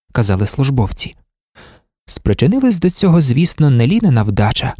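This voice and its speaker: Male audiobook narrator, expressive literary reading, animated pitch, dry close sound. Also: no room sound. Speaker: audiobook reader.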